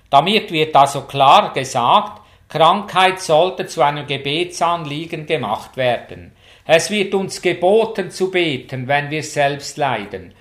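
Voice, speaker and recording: Slow, solemn male preacher. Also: a little high, fairly bright tone. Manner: measured, solemn, reads Bible quotes with rising fervor. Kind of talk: slow, deliberate sermon reading scripture.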